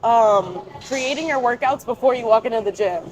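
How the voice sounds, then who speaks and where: A woman's voice: fairly high pitch, normal speed, a little mellow, muffled recording, faint music behind. A young adult woman speaking as a guest in a casual interview, with informal, youthful phrasing full of fillers.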